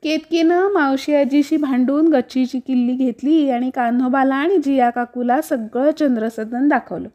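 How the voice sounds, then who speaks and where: A woman narrating a children's story in a gentle, expressive storybook reading. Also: high voice, normal speed, few pauses.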